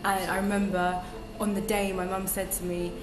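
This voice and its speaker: Speaking at normal speed in a flat, medium-pitched voice, a young podcast guest chats reflectively, often saying um and starting over. The casual interview was recorded in an echoey room with background music.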